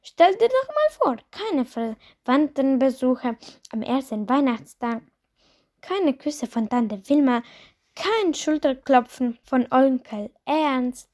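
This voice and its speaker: A woman's voice: high voice, very animated, takes it slowly, a little mellow, exaggerated voice. A woman voicing an impatient, chatty mother who coaxes and scolds in a storybook reading. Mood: coaxing. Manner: coaxing, exasperated.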